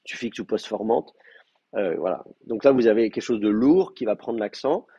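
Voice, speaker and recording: Husky male teacher in a muffled classroom. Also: on the low side, lively intonation, normal speed, warm tone, no echo. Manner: hesitant, many fillers and restarts while explaining. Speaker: Hebrew teacher. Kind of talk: classroom lecture. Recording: muffled, dry classroom recording.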